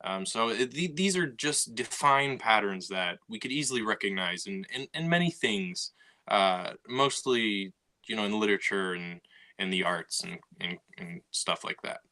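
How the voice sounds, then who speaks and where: In a relaxed podcast discussion, the male co-host reasons aloud with plenty of fillers and restarts. He sounds animated, bright and forceful, with a lowish voice at a normal pace.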